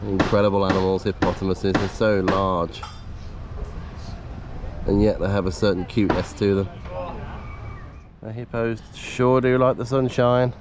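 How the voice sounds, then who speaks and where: A man's voice: lowish voice, steady tone, moderate pace, pauses often. A man giving chatty, appreciative casual vlog commentary as he goes around outdoors. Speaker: vlogger. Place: outdoors at a theme park zoo. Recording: noisy outdoor recording with vehicle sounds. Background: loud outdoor ambience.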